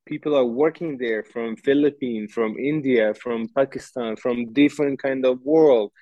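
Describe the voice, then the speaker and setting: Man telling his story haltingly. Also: mid-range voice, warm tone, no echo, lo-fi sound. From Uzbekistan. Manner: halting, with many fillers and restarts. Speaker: guest. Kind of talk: emotional personal storytelling.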